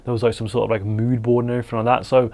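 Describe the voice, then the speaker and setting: A man's voice: flat delivery, racing, darkish tone. Young guy chatting about shoots, lots of likes and restarts, jumps into little voices. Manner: rambling, full of "like" and restarts; acts out quoted voices with pitch jumps. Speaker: portrait photographer giving advice. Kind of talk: casual advice talk to camera.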